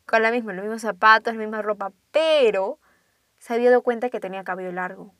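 A young woman, casually telling a ghost story and dropping to hushed tones for suspense. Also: fairly high pitch, steady tone, quick pace, no echo, studio quality.

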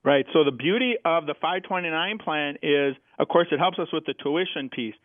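A man's voice: a little high, normal speed, no room sound. An American man explaining things as a financial advisor guest, plain-spoken, with examples and rhetorical questions. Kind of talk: explanatory interview talk. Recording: tinny phone-like radio sound.

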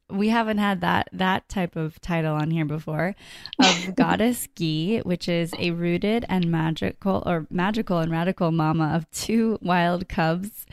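A woman's voice: on the low side, no echo, studio quality. A woman hosting a podcast, chatting effusively and laughing often. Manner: warm, giggly, effusive. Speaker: podcast host. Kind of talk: casual interview chat.

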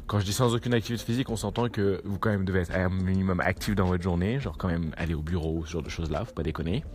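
Low-voiced man coaching casually. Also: fast talker, a little mellow. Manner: casual and coaching, keeps checking in with the viewers with a tag question. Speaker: fitness coach. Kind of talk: casual talk to camera.

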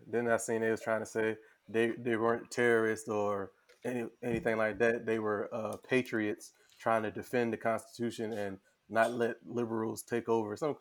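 Chill guy talking slang with his friends, mid-pitched, easygoing. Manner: slangy, laid-back storytelling. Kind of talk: casual podcast chat.

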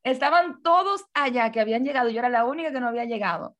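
A young woman with a Dominican accent, telling a story as a guest in a casual chat, animated and full of fillers. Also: on the high side, racing. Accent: Dominican Spanish. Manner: animated, many fillers and restarts.

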